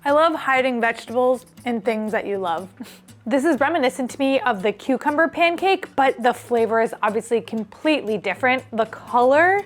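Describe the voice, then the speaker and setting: A woman's voice: on the high side, normal speed. Chatty upbeat woman cooking-vlog host. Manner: chatty and upbeat, thinks aloud while cooking. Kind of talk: casual cooking vlog with sponsor read.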